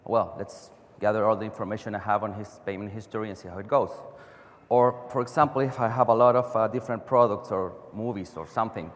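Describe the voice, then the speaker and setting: A man's voice: fairly low pitch, steady tone, fast talker. Chilean man speaking in an echoing hall. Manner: non-native phrasing, frequent restarts, rhetorical "right?". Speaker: conference speaker. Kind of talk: technical conference talk. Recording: long reverb of a large hall.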